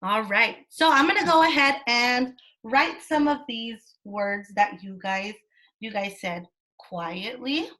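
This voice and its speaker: Teacher for a kids' video-call class: woman, fairly high, bright, upbeat prompting. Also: slow. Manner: encouraging, sing-song teacher prompting. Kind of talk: online class lesson for children. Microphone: laptop mic on a video call.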